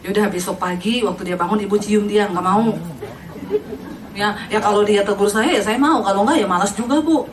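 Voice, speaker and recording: A woman's voice: mid-range voice, moderate pace, noisy background. A woman pastor, giving a humorous sermon full of anecdotes and quoted voices. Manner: animated storytelling with quoted voices and laughter. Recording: echoey hall, mic from a distance.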